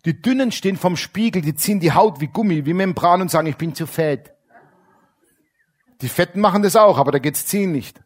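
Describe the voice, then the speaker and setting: A man preaching a lively, colloquial sermon, switching between loud emphasis and quiet asides. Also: high voice, fast, hardly any pauses, slightly rough.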